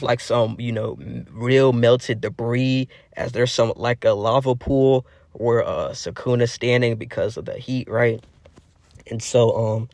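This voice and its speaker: A man's voice: medium pitch, darkish tone, no echo. A young man casually improvising a fan story, rambling through lots of fillers and restarts.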